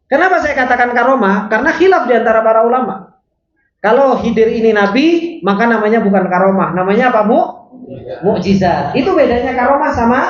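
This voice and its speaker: A man, teaching a religious study lesson. He reads the classical Arabic text slowly, then explains it, asking rhetorical questions and answering them himself. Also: very high voice. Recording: roomy, slightly dull recording.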